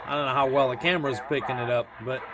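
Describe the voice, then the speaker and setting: Over a noisy crowd, a man with a medium-pitched, steady voice speaks at a quick pace while demoing a gadget hands-on as a product reviewer. He keeps it informal, chuckling often as he thinks aloud, in a clearly noisy indoor recording.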